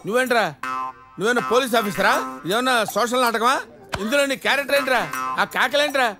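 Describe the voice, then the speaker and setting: An actor playing a short-tempered, boastful man in a film comedy, scolding loudly. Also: very high voice, fast. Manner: loud scolding, bossy and boastful. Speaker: comic film character. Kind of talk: Telugu film comedy scene. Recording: film soundtrack with loud music.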